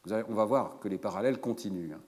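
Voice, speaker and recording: A man's voice: on the low side, racing, a little mellow. A man giving a university lecture, explaining fluently with frequent hesitation fillers. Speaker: professor. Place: lecture hall. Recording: lecture hall with long reverb.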